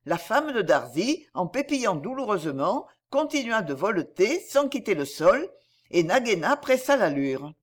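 A woman narrating a storybook in an expressive, measured reading style. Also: medium pitch.

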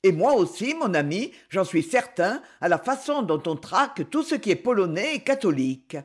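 A man's voice: sits high, moderate pace. A man voicing a mischievous, jovial old general in an audiobook. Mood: gleeful. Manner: lively, jovial, laughing delivery.

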